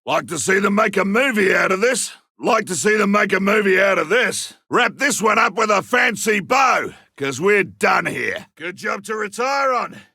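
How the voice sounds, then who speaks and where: Griffin, gravelly old veteran monster hunter. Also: male voice, high voice, expressive, moderate pace, hardly any pauses, bright, forceful tone, dry recording, studio quality, exaggerated voice. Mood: wry, alert. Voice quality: gruff, gravelly. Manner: colloquial, wry, theatrical. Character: ageing veteran monster hunter, gruff, cocky and stubborn. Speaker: playable game character. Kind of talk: video game combat voice lines.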